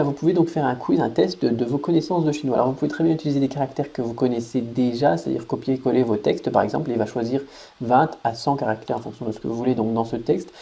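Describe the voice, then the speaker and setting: Casting: man, online teacher, gravelly and warm, chatty and self-deprecating, lots of fillers. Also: mid-range voice. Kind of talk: casual screen-recorded tutorial.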